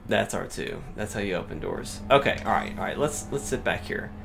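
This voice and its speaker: A man chatting casually while playing a video game, rambling and excitable, with frequent restarts. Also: lowish voice, brisk, creaky, over music. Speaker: let's play co-host. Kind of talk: casual gameplay chat.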